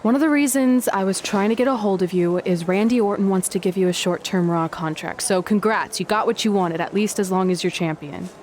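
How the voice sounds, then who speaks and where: Woman doing a blunt deadpan young lady wrestler in a game cutscene, middle-pitched voice. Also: a little fast, few pauses, slight background noise, lightly acted. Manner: dry, sarcastic, matter-of-fact. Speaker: video game character.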